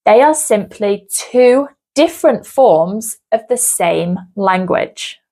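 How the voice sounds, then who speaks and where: A woman with a British accent teaching an English lesson, speaking clearly and deliberately as she models each word. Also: mid-range voice, expressive, mellow. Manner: slow, clear and deliberate, modelling words carefully. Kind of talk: scripted lesson.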